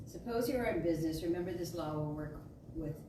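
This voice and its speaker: A woman storyteller reads a metaphysical sermon dramatically, with emphatic, declarative delivery and deliberate phrasing, in a fairly low, warm voice. It is recorded from far off in a large indoor spiritual center room, echoey and noisy.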